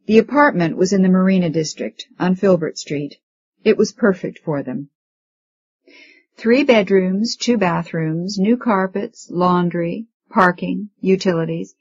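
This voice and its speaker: A woman narrates an audiobook in a steady, measured way. Her voice sits low and sounds husky. The recording is slightly dull and lo-fi.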